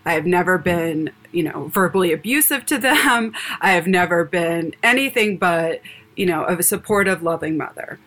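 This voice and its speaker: A woman's voice: fairly low pitch, normal speed. A mother speaking frankly in an interview about her family life. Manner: frank, animated, acts out family arguments. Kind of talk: candid personal storytelling.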